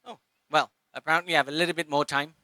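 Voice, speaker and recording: A Singaporean man giving an impassioned public speech at a rally, with halting pauses and restarts. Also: fairly high pitch, steady tone, sharp tone, dry recording.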